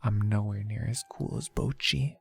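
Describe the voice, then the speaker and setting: A playful, goofy livestreamer with a creaky voice, chatting casually to viewers and tossing in silly exclamations. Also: medium pitch, moderate pace. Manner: playful, goofy, with sing-song nonsense exclamations.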